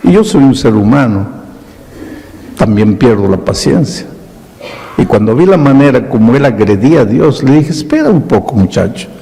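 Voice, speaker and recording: Casting: male pastor, sermon, dark mellow tone, slow, booming hall reverb. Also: lively intonation, gravelly. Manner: slow dramatic storytelling in short phrases.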